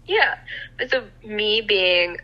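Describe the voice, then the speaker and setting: A woman's voice: medium pitch, lively intonation, very slow, muffled recording. A young woman co-hosting a podcast, chatting casually and swearing freely. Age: young adult. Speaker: podcast co-host. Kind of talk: casual chat.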